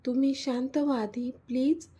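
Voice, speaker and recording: A woman's voice: high-pitched, fairly even intonation, normal speed, dark tone, slightly rough. Woman reading as a sulky young woman in love. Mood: pleading. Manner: pouting, pleading.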